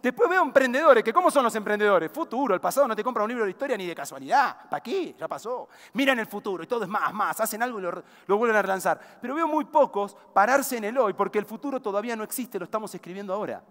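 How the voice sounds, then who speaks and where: High-voiced Argentine man giving a keynote. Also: fast talker, hardly any pauses. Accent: Rioplatense Argentine Spanish. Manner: animated storytelling with rhetorical questions to the audience. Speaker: keynote speaker. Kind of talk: conference keynote talk. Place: large conference hall before a big audience. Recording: reverberant large hall.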